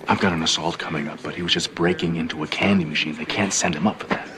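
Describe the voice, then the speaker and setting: A man's voice: low-pitched, fairly even intonation, fast, lightly acted. A man playing a wry, hard-bargaining defense lawyer in a TV drama, brusque and sardonic. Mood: pleading, insistent. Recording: clear background noise.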